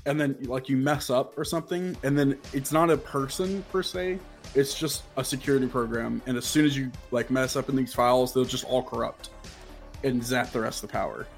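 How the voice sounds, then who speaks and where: A man at mid pitch narrating as game master. He rambles through his descriptions and fills them with "like". Faint music plays in the background. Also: a little fast, gravelly. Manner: rambling, heavy use of "like".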